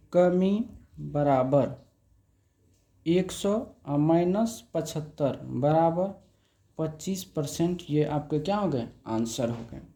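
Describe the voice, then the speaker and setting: A man's voice: sits high, mellow. A man teaching an exam-prep maths lesson, repeating each word as he writes it out and asking the class short check questions. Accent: Hindi. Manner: slow, repeats words while writing on a board; asks students rhetorical check questions.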